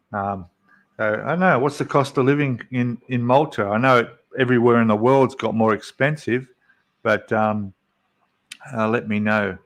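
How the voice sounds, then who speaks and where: A man, hosting a casual livestream and chatting with viewers in a rambling way with many fillers. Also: lowish voice. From Australia. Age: 50s. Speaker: livestream host.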